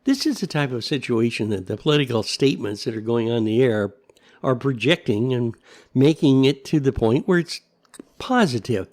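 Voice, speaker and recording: A man's voice: mid-range voice, expressive, moderate pace, a little mellow. An older man with an American accent rambles through a back-in-my-day political rant, opinionated and sardonic, throwing in rhetorical questions. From United States. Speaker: commentator. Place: kitchen at home.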